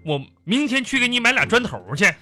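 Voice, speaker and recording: A grumbling middle-aged husband. He mutters sly little insults under his breath, his pitch rising and falling widely. Music plays behind him in a studio radio comedy. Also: sing-song, quick pace, pushed and bright, full character voice. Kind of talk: live comedy radio sketch.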